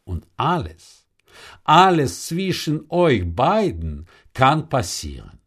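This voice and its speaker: A wry old traveler speaks in unhurried, sighing explanations and answers questions with questions, as a man puts him on. His pitch rises and falls sharply, and he takes his time. He sounds patient and shrewd. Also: huge pitch swings, fairly bright tone, slightly rough, exaggerated voice. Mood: knowing.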